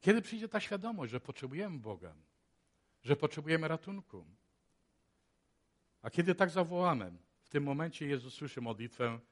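In a chapel, a man with a fairly high voice preaches a sermon, shifting between quiet and loud passages and posing many rhetorical questions.

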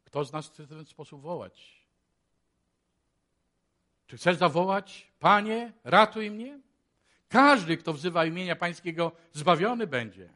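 A man preaching a sermon in a chapel, moving between hushed and loud passages and asking many rhetorical questions. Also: a little high, lively intonation, a little slow, pauses often.

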